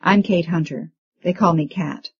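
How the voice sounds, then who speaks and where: A woman's voice: lowish voice, normal speed, slightly rough, no room sound, highs cut off. A woman voicing a cool, aloof young female doctor who talks in a dry, direct way.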